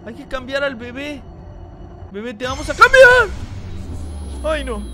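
A woman hosting a let's-play video, playing alongside her young child, who gets excited and shrieks in alarm at the game and talks straight to her viewers. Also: high-pitched, unhurried, loud music behind the voice. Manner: addresses viewers directly. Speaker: gaming channel host.

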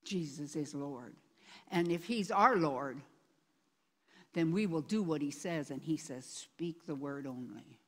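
A woman's voice: sits low, animated, a little slow, a bit bright. A woman pastor preaching a sermon, reading scripture aloud and repeating words for emphasis. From Canada. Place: church sanctuary. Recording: long reverb of a church hall.

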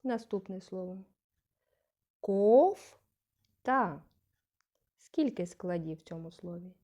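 A woman teaching a young class, slow and patient, saying example words aloud with a rising question tone to stress syllables. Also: mid-range voice, warm tone. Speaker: primary school teacher. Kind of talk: scripted lesson narration.

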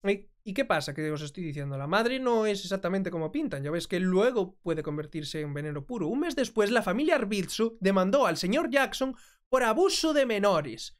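A woman's voice: mid-range voice, lively intonation, normal speed. A woman hosting a commentary video, translating and reacting to clips in a chatty way, often asking "mm?". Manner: conversational, frequent checking "¿mm?". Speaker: commentary host.

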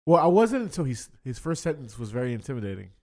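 A man's voice: mid-range voice, big pitch swings, fast, darkish tone. A man co-hosting a casual podcast, easygoing, retelling the interview. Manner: easygoing, storytelling. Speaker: podcast co-host.

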